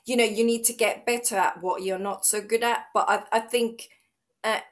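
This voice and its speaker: Speaking at normal speed with a steady tone and fairly high pitch, this middle-aged woman from Finland talks casually as an interview guest. She works as a fitness trainer, grew up speaking Finnish, and is chatty and sociable, restarting often.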